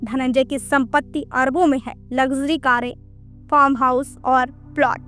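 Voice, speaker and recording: A woman's voice: sits high, fairly bright tone. A woman reading a scripted, dramatic narration in the manner of a storyteller.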